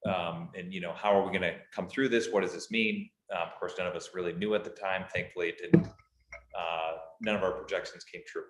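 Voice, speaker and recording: A man on an advisory board gives an informal briefing to a city council in a council chamber, speaking loudly in an easygoing, self-deprecating way at the public meeting. His voice is low, and the recording is roomy with background noise.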